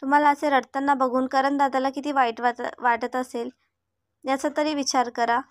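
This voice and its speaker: A woman's voice: high voice, flat delivery, normal speed, no room sound, clean studio sound, close to an everyday voice. A woman voicing a caring young woman who scolds her little sister but comforts her parents. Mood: scolding.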